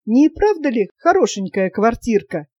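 A woman's voice: on the high side, very animated, normal speed, darkish tone, husky, no echo, clean studio sound. A woman voicing a talkative, self-satisfied wealthy lady in a storybook reading, chatty and coquettish.

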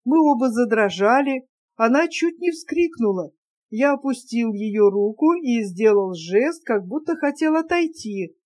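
A woman reading a literary audiobook, with expressive, measured storytelling. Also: fairly high pitch. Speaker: audiobook reader.

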